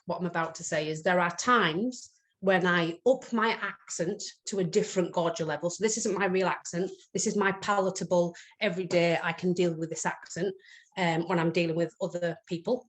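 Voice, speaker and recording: Low-pitched woman. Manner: frank, emphatic, self-assured. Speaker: charity chief executive and panellist. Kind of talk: informal panel talk.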